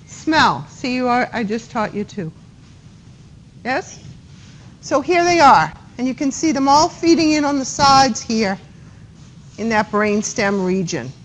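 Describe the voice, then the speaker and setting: A woman with a Boston accent lectures a class on anatomy, her voice pitched high. She keeps it chatty and stops to quiz her students. A faint hiss of classroom noise sits behind her. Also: sing-song, takes it slowly, pauses often, fairly bright tone, rough recording. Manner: chatty, checks in with students by asking questions. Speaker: anatomy instructor.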